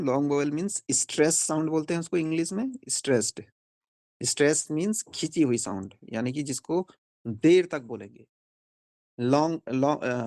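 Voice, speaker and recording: A man's voice: fairly high pitch, darkish tone, no echo, studio quality. A young man teaching a phonics lesson in a classroom, explaining step by step and asking the class questions.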